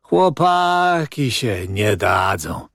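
A man's voice: medium pitch, big pitch swings, extremely slow, creaky, a bit bright, no echo, studio quality, full character voice. A man reading as a cocky, scornful young man who talks in a brash, dismissive way.

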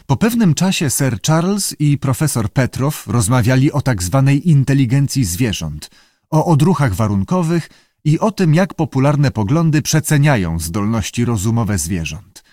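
Male audiobook narrator, measured, lively intonation, dry close sound. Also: medium pitch, no room sound. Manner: steady, measured. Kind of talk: audiobook reading.

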